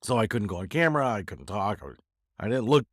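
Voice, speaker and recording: Congested guy with a head cold rambling to his viewers, low voice, dry sound, jokes at his own expense. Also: very animated, brisk, dry recording. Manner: self-deprecating, joking. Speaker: YouTuber giving a channel update. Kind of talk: casual rambling chat to viewers.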